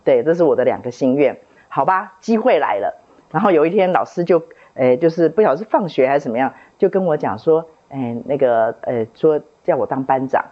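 A woman in her late fifties shares a childhood memory, earnest and reflective, circling back over her words as she recalls. Her voice sits low. The recording is a little dull and lo-fi. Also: expressive, fairly quick. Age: 50s. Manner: earnest, reflective, repeats herself while recalling. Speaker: book club member sharing a testimony. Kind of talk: personal storytelling.

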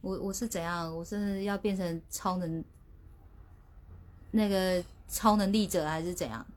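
A woman's voice: lowish voice, steady tone, a little slow. A woman hosting a casual livestream from her phone, chatty and sheepish, often restarting her words. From Taiwan. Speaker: livestream host.

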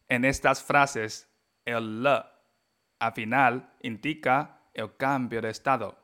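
Guy teaching chinese on a podcast, super slow and careful, spells pinyin out letter by letter, mandarin's his first language. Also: medium pitch, a bit bright.

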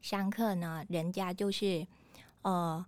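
A woman's voice: lowish voice, steady tone, slow pace, darkish tone, dry recording. A woman from Vietnam with a Vietnamese accent, a foreigner speaking Mandarin as a learned language in short phrases, telling her story conversationally as an interview guest. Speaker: calligraphy artist, interview guest.

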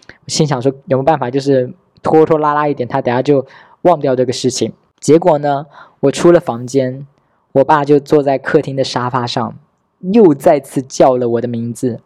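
A man's voice: mid-range voice, moderate pace, dark tone, no echo, clean studio sound. A man in his thirties, hosting a podcast, tells a personal story candidly and wryly, replaying his conversations with relatives. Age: 30s. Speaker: podcast host. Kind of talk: casual storytelling monologue.

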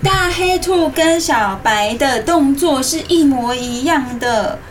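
A woman hosts a children's story programme, reading as if to a toddler, in animated simple phrases with coaxing questions. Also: high voice, slow pace, far from the mic, slight background noise. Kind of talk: interactive storytelling to young children, asking questions. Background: music.

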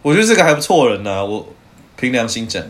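A man's voice: mid-range voice, very animated, fast. A man co-hosting a podcast in casual chat, teasing and swearing freely. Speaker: podcast co-host.

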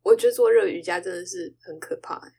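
A woman's voice: fairly low pitch, fast, vocal fry, husky. A woman hosting a podcast, telling stories in casual chat and acting out the quoted lines, with frequent laughter. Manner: expressive storyteller, acts out quoted dialogue, laughs often. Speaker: podcast host.

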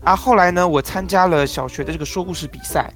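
Casting: a Taiwanese man, a crosstalk performer guesting on a talk show, relaxed and explanatory, with faint music underneath. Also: on the high side, fast talker. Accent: Taiwanese Mandarin. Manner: explains pronunciation with playful spoken demonstrations. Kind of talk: casual interview chat.

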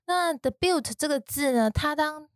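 High-voiced woman explaining vocabulary. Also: unhurried, no echo, studio quality. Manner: methodical, explains step by step. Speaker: English teacher co-host.

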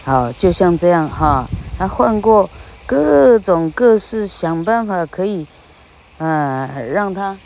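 A woman with a Taiwanese Mandarin accent, chatting casually as an English teacher, often laughing and spelling words out slowly. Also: lowish voice, lively intonation, a little mellow, slight background noise.

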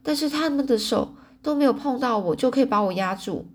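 A woman's voice: high-pitched, expressive, brisk, voice pushed up. A woman voicing a frightened, tearful teenage girl in an audiobook reading, earnest and upset. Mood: puzzled.

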